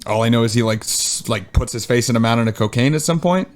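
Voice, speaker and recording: A male podcast host at a mid pitch, walking through his researched notes in a loose, conversational way. He fills the gaps with "uh" and wanders into wisecracks before picking the story back up. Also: fast talker. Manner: chatty, with frequent "uh" and joking asides. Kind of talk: casual chat, reading researched history.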